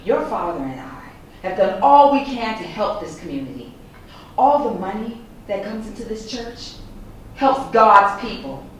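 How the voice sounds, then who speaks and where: An actress playing a middle-aged, controlling pastor's wife who scolds and shouts at her grown daughter. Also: fairly low pitch, very animated, moderate pace, few pauses, recorded from a distance. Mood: scolding. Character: controlling overbearing church first-lady mother. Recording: very echoey room, faint hiss.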